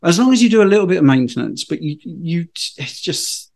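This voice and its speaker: Man, fifties, gravelly, fairly high for a man, firm trainer advice, desk mic at home. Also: big pitch swings, brisk, darkish tone. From Britain. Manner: firm, matter-of-fact advice. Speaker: guest, personal trainer. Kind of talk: casual interview chat. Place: home room, indoors, on a video call. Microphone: desk microphone.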